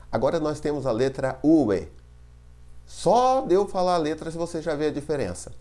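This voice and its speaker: A man's voice: medium pitch, dark tone. A man with a Brazilian Portuguese accent teaching a distance-learning Spanish lesson, patiently repeating words to show their sounds and checking in with his students.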